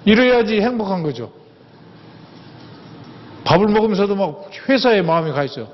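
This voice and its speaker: Older man, folksy lecturer, high voice, long echo of a hall. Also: sing-song, normal speed. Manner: folksy, anecdotal, repeats words for emphasis. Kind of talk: humorous lecture to an audience. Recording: echoey hall, dull sound, faint ambience.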